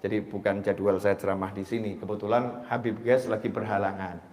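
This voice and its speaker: Animated preacher man in an echoey hall. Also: brisk. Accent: Indonesian. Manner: animated, swings from loud emphatic calls to low asides, playful. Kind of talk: sermon.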